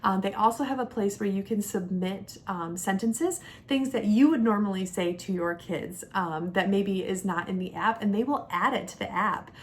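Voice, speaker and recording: Talking at a moderate pace with few pauses, a woman in her thirties reviews a product conversationally from her perspective as a homeschooling mom. She explains step by step, and the clear recording carries a low rumble of background noise.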